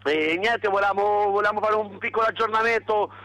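A man's voice: sits high, fairly quick, sharp tone. A man reporting by phone from an outdoor protest, talking casually with many fillers. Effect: heard over the phone. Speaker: activist calling in from a protest.

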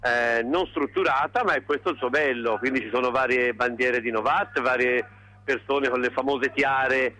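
Young guy phoning in to a radio show from a march, earnest, stumbles and restarts, kinda sharp bright tone. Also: mid-range voice, moderate pace, slight background noise. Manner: earnest, restarts and long lists. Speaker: caller reporting from a street march. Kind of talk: live phone-in report on radio.

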